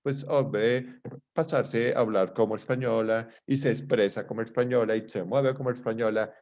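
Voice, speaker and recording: A man's voice: medium pitch, fairly even intonation, normal speed, a little mellow. A man giving a live psychology class in a conversational way, often checking whether students follow. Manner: conversational, checks understanding with rhetorical questions. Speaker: psychology lecturer. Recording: dull lo-fi recording.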